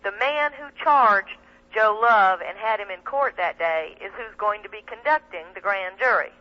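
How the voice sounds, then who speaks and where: A woman with a mid-range voice speaks at normal speed, animated, emphatic and indignant, as a guest on an impassioned talk radio interview. She is an attorney and activist. The audio is muffled, band-limited like 1990s shortwave radio, with a telephone quality.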